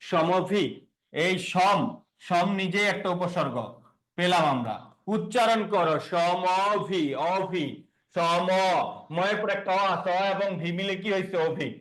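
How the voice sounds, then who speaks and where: A man's voice: high-pitched, unhurried, fairly bright tone, poor audio. A man teaching a classroom grammar lesson, quizzing students and repeating key words. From Bangladesh.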